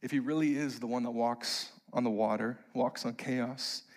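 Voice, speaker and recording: A young man preaching, telling a funny personal story and building to emphatic, animated preaching. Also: medium pitch, normal speed.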